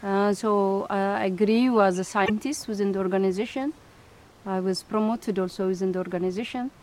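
A middle-aged woman scientist from Ethiopia, answering interview questions thoughtfully with many pauses, fillers and restarts. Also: medium pitch, steady tone, a little mellow. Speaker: scientist and institute director.

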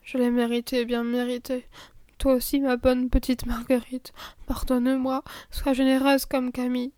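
A woman's voice: high-pitched, flat delivery, normal speed, darkish tone, no echo, close to an everyday voice. A woman voicing a remorseful young girl who pleads through her tears. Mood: tearful. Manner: pleading, tearful. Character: remorseful unhappy young girl, quick-tempered.

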